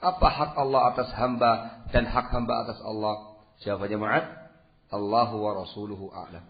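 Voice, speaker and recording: A man preaching at a religious study lecture, switching between loud emphatic bursts and quiet asides and asking rhetorical questions, in his speech. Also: fairly low pitch, fairly even intonation, normal speed. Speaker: Islamic preacher. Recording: dull lo-fi lecture recording.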